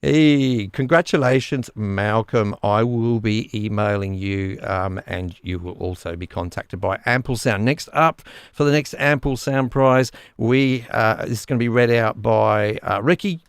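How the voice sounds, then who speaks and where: A man's voice: on the low side, a little slow, hardly any pauses, clear, resonant tone, no echo, studio quality. A man hosting a casual livestream giveaway. He chats loosely, often stumbles over his words and laughs easily. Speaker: livestream host.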